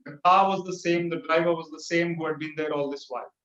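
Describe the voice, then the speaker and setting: A man speaking to teachers over a video call, telling an anecdote with animated storytelling and pitch lifts for punchlines. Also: fast talker. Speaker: motivational speaker. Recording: roomy, dull video-call audio.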